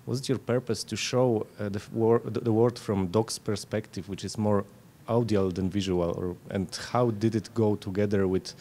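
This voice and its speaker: A man asking interview questions in a halting, deliberate, analytical way. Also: on the low side, steady tone, dark tone. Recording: background noise.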